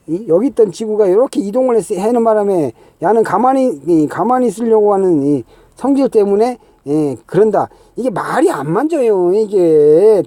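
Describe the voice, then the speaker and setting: A man's voice: high-pitched, mellow, no room sound. A middle-aged man, talking through a rambling, exasperated explanation, full of fillers and rhetorical "huh?" checks. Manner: exasperated, scoffing, filler-heavy with constant "ye" and "eung?". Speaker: channel host.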